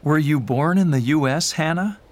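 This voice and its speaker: An actor asking polite interview questions in a scripted textbook dialogue. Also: male voice, fairly high pitch, moderate pace, no room sound, close to an everyday voice. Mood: curious.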